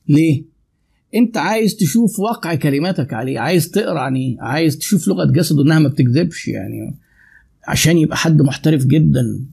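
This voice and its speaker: Man in his fifties, Egyptian Arabic accent, sales lecture, rapid delivery, dark husky voice. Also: fairly high pitch. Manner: asks the audience rhetorical questions and answers them. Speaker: sales trainer. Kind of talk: spoken lecture on sales communication.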